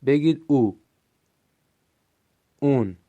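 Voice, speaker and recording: A man with a Gilaki accent giving a recorded language lesson, saying short phrases slowly and clearly for listeners to repeat. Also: medium pitch, animated, mellow, highs cut off. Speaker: language teacher.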